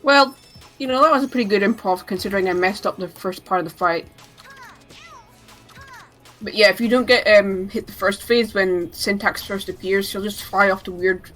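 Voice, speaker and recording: Speedrunner, female, mid-pitched, chatty and jokey live commentary over faint game music. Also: fairly bright tone, poor audio. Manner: chatty, joking asides.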